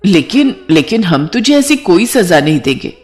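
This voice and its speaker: Woman doing a sweet mom-in-law voice, lower and soft, storybook style. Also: sing-song, moderate pace. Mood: soothing. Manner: soothing, motherly. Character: kind, doting middle-aged mother-in-law.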